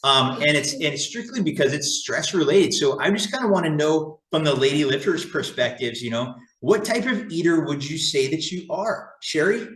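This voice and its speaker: A man's voice: fairly high pitch, animated, moderate pace, few pauses, fairly bright tone. A man hosting a casual fitness podcast roundtable, talking with enthusiasm and many restarts. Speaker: podcast host. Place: fitness studio. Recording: roomy echo.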